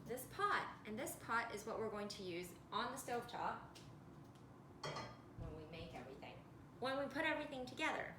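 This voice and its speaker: A slightly high-voiced woman hosts a children's cooking lesson from her home kitchen, speaking at a moderate pace in a sing-song, teacherly way with simple phrases, like a kids' TV presenter. The recording is echoey, noisy, and full of pan clatter.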